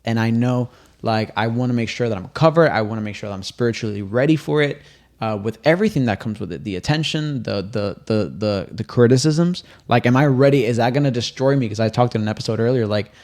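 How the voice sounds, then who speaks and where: A Puerto Rican co-host, a native Spanish speaker, chats casually on a faith-based podcast in a mid-range male voice. He's animated and emphatic, and quick to break into laughter.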